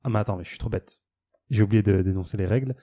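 A man's voice: lowish voice, quick pace, mellow, no echo, studio quality. A young man co-hosting a casual podcast, joking around as he runs a quiz game and reads out its questions.

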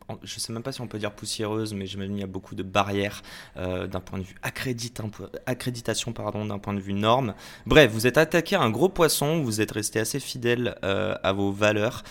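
Lively young male podcast host. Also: on the low side. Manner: lively, swears casually, laughs often. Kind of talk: casual interview chat.

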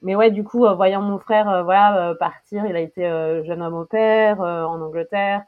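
A woman's voice: mid-range voice, fairly even intonation, moderate pace. A woman in her thirties, from France, being interviewed. She talks casually, with many hesitations and frequent laughter. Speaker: interview guest. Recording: dull lo-fi sound.

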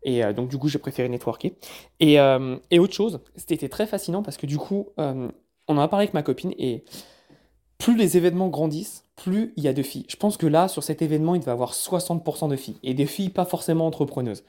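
Casual French vlogger, dark mellow voice, rambling with frequent restarts. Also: male voice, on the high side, fast. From France. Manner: chatty, stumbles and repeats words. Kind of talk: casual recap vlog.

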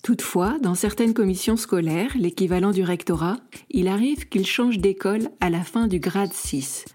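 A woman's voice: mid-range voice, normal speed, mellow. A woman from France, a parent, hosting a podcast in a friendly, informative way with light self-mocking asides. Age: adult parent of school-age children. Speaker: podcast host. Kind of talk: scripted podcast narration.

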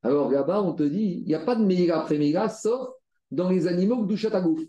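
A man leads a Talmud study lesson. His voice sits a little high and sounds mellow, and he works through the text step by step with repeated phrases and rhetorical questions. The sound carries a noticeable room echo. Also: expressive, brisk, lo-fi sound. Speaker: Talmud teacher. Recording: roomy echo.

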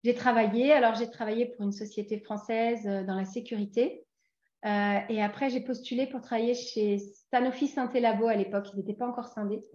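A woman in her forties from France talks through an interview in a hesitant way, often pausing on fillers and starting over. Her voice sits at a middle pitch. The sound is roomy and a bit dull. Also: fairly even intonation, a little mellow. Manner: hesitant, many fillers and restarts. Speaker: guest. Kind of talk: casual interview chat.

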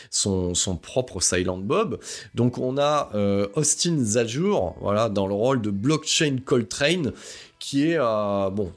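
A man hosting a casual film review podcast, rambling with many hesitations and wry asides. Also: on the low side. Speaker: podcast host.

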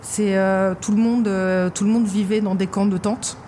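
A woman's voice: medium pitch, fairly even intonation, moderate pace, dark tone, slight background noise. A woman in her thirties from Paris, a guest telling her story in a casual interview, hesitant, with many fillers and restarts, a little tired. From Paris, France. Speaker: guest, love-shop co-owner. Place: small shop.

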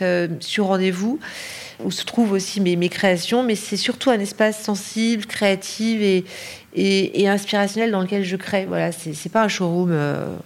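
A middle-aged woman from Paris, a designer answering podcast interview questions with many fillers and restarts. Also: medium pitch. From Paris, France. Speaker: lighting designer, guest.

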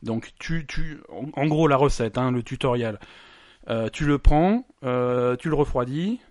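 A man hosting a loose, joking podcast, his voice sitting at a middle pitch. He rambles and restarts as he explains things, and he is recorded close and dry, with no room sound around him. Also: measured pace, darkish tone, dry recording. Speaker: podcast host. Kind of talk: casual comic chat.

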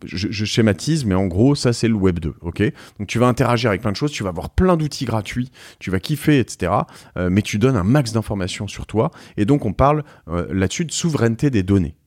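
A man's voice: lowish voice, animated, fairly quick, hardly any pauses, darkish tone, no room sound, clean studio sound. A man, an interview guest explaining things in an informal, emphatic way. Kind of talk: casual explanatory interview talk.

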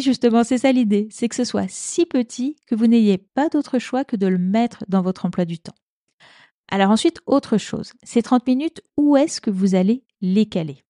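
A woman's voice: on the high side, mellow, no echo, studio quality. A woman hosting a career advice podcast, talking in a conversational coaching way with frequent little fillers. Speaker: podcast host.

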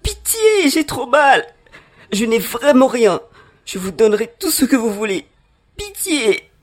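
A man's voice: very high-pitched, sing-song, a little slow, exaggerated voice. A man voicing a terrified young male migrant in an audiobook, pleading and stammering. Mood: anguished. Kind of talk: audiobook character voice.

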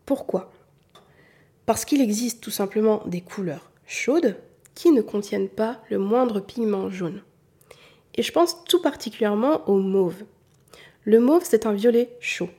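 A woman's voice: medium pitch, lively intonation, a little slow, mellow, husky. A woman from southern France giving an informal lesson on colors, talking straight to the listener in a chatty way. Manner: chatty, addresses the listener directly. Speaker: color analysis teacher.

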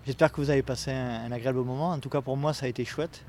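A man's voice: medium pitch, fairly even intonation, racing, a little mellow, slight background noise. A man hosting a casual interview, thanking and introducing guests in a friendly way with fillers. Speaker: podcast host.

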